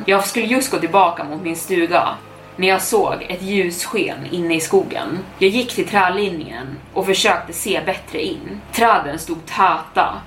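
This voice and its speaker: Low-voiced woman reading horror, echoey room. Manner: measured, suspenseful reading. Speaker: podcast storyteller. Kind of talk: scripted horror narration, first person. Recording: echoey room, distant mic, faint noise.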